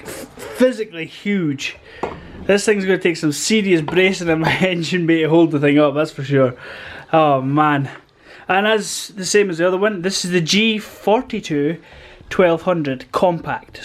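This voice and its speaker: A man filming a casual unboxing vlog, excitable and gushing, laughing often and exclaiming as he goes. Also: high voice. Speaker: car enthusiast vlogger.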